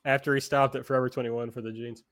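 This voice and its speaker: A man's voice: mid-range voice, little pitch movement, quick pace, fairly bright tone. A man hosting a podcast in casual chat, recapping a show with sarcastic jokes. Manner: sarcastic, joking. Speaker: podcast host.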